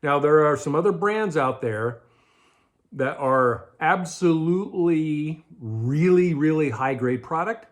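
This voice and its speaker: Indoors among shelves in a garage or storage room, the middle-aged, American-accented host of a budget prepping show talks conversationally to camera, reviewing gear informally. He speaks slowly and expressively in a voice on the high side.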